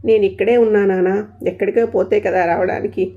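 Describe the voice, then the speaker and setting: A woman's voice: medium pitch, steady tone, brisk, phone-quality sound, lightly acted. A woman voicing a cheeky, helpful young boy who calls out to his father in a storybook.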